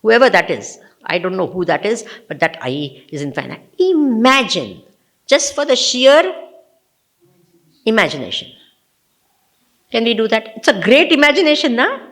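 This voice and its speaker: A woman giving a spiritual discourse to an audience, animated and exclamatory, switching between English and Hindi. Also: on the high side, moderate pace, pauses often. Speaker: spiritual teacher.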